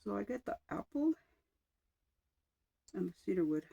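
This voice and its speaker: A woman vlogger chatting casually at home, rambling a little with sighs and soft asides, slightly out of breath. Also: mid-range voice, very animated, moderate pace, vocal fry, slightly rough, dull audio. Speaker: wax melt vlogger. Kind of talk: casual chat. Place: home room with oil diffuser.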